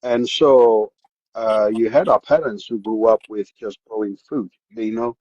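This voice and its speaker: This South African podcast guest has a slightly rough, low voice and an unhurried pace, captured with dull audio and no room sound. Casually recounting his upbringing in an interview, he's animated, often repeating words and starting over.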